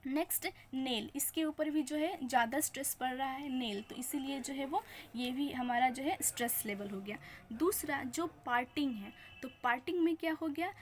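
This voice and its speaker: High-voiced woman teaching poetry scanning. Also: normal speed, slight background noise. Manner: explains step by step, asks and answers her own questions; mixes Hindi and English freely. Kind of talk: exam-prep lesson on scanning poetry.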